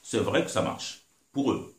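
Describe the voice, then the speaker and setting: A middle-aged political commentator from the Republic of the Congo, seated in an armchair in a living room, speaks as an interview guest. His talk is impassioned, indignant and emphatic yet unhurried, and the recording has a roomy echo.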